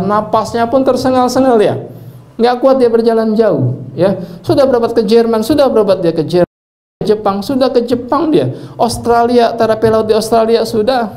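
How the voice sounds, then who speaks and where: A male preacher and healing trainer telling animated stories to a live training audience, addressing listeners directly and often breaking into devout exclamations. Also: high-pitched. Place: indoor training session with an audience.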